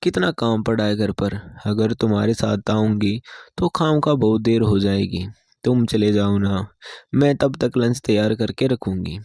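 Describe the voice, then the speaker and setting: A man voicing a busy young housewife in a spoken story, brisk and dismissive. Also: lowish voice, vocal fry, darkish tone, no echo.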